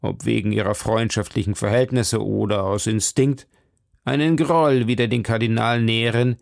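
A man reads as a stern old musketeer captain with a gravelly edge, set a little higher than the narration. He weighs each word slowly and lectures in a measured way. The sound is dry and close. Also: steady tone, a little mellow, dry recording. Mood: lecturing. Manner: measured, lecturing, drops to murmurs. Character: stern shrewd older male captain of musketeers. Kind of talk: audiobook reading.

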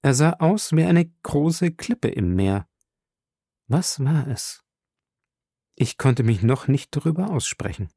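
A man narrating an audiobook in a measured storytelling manner. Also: medium pitch, sing-song, dark tone, husky, no room sound, clean studio sound. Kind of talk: scripted narration.

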